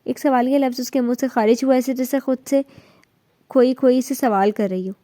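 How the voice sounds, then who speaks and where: A woman reading a romance novel aloud in a measured, emotive storytelling style. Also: sits high, mellow, dry recording, studio quality. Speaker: novel reader.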